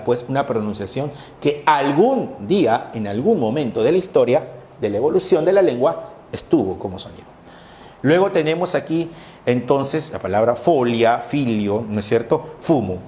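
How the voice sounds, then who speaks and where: A man's voice: mid-range voice, a little mellow, roomy sound, slight background noise. A male teacher giving a lecture on language history, explaining patiently and often checking with "¿no es cierto?". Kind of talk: classroom lecture.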